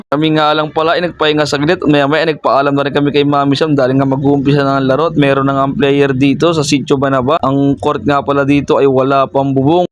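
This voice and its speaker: Flat-toned man narrating a travel vlog. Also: mid-range voice, no echo, lo-fi sound. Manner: steady, even storytelling with repeated fillers. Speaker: vlogger and basketball referee.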